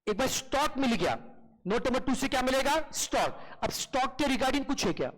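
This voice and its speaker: An animated man with a high voice teaches accountancy online at a normal pace. He keeps throwing short questions to the students, supplies the answers himself, and calls them "beta" in a familiar way. The sound is poor.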